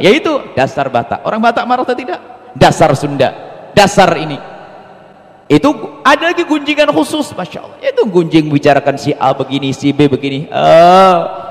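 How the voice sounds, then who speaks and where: Guy preaching a sermon, kinda high voice, big echoey hall, goes loud then quiet. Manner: animated, swings between loud emphasis and low asides. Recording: long reverb of a hall.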